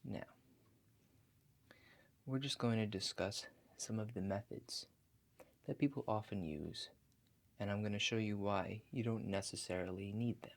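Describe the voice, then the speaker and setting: Gravelly and lowish, this man's voice carries a soft-spoken ASMR roleplay as a calm, attentive relaxation agent on a house call, guiding breathing. He explains calmly, with slow, gentle, reassuring instructions and regular check-ins.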